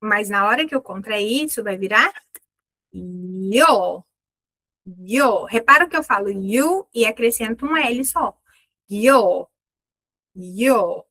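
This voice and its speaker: A woman's voice: on the high side, animated, normal speed, few pauses, bright, forceful tone, dry recording, low-quality recording. A woman with a Brazilian Portuguese accent teaching an English lesson, patiently explaining and repeating pronunciation drills.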